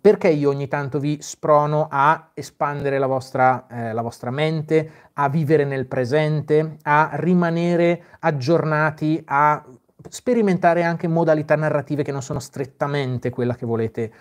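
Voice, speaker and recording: A man's voice: on the high side, fairly even intonation, a little slow. A man hosting a live Q&A, reading viewer comments aloud and answering them in a casual, chatty way with frequent fillers and restarts. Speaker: host answering viewer questions.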